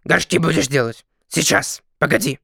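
A man voicing a sly, good-humored male dragon in a storybook reading, talking in a mocking, lively way. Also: a little high, moderate pace, gravelly, slightly rough, dry recording, clean studio sound, heavily acted.

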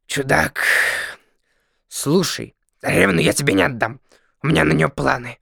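A man's voice: fairly high pitch, moderate pace, gravelly, slightly rough, dry recording, clean studio sound, exaggerated voice. A man voicing a sly, mocking storybook dragon. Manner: mocking, lively, chuckling. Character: sly, good-humored male dragon, amused and condescending. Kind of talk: storybook reading.

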